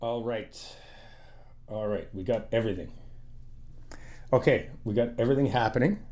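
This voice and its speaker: Here a man plays an easygoing, encouraging friend helping paint an apartment in a casual ASMR roleplay, chatting informally and patiently explaining things. His mid-range voice is darkish and close to everyday speech, at a moderate pace, with a patient, instructive mood.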